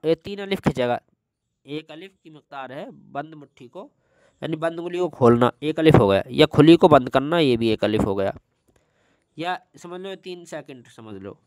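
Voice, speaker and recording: A man teaching Quran reading, spelling each word syllable by syllable in long drawn-out tones with quick spoken asides between, in an Indian Urdu accent. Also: on the high side, lively intonation, a little mellow, no echo, studio quality. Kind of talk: slow spelling-out recitation lesson.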